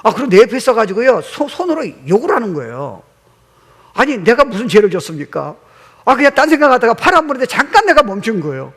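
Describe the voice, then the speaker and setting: A man's voice: very high-pitched, big pitch swings, fast talker, fairly bright tone. A middle-aged male pastor preaching a sermon, telling stories animatedly and mixing in English words. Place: church sanctuary. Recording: long hall reverb.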